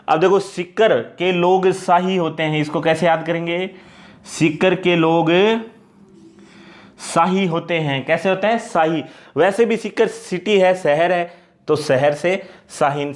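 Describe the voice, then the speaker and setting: A man teaching an exam-prep lesson, repeating points and asking questions he answers himself. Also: fairly high pitch. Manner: repetitive, explains by asking and answering itself.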